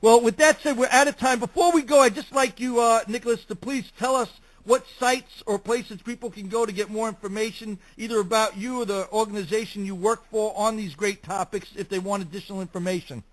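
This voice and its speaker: A man's voice: high-pitched, fairly even intonation, fairly quick, poor audio. A man with a Brooklyn New York accent, hosting a chatty talk show interview.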